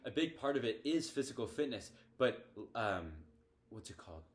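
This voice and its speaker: A teenage boy co-hosts a podcast in loose, casual chat. He talks with a medium-pitched voice, often stalls on fillers and starts his sentences over as he hunts for words. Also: very animated, moderate pace. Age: teens. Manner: hesitant, lots of fillers and restarts. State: hiccups. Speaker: podcast co-host.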